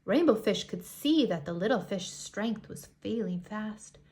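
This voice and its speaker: With a medium-pitched voice, a woman reads a picture book aloud to young children, expressive and leaning into deliberate dramatic emphasis.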